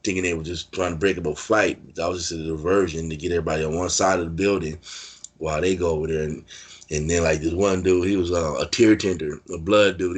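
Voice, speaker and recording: Man, californian accent, very low voice, rambling, filler-heavy, casual interview storytelling. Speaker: interview guest, former prisoner.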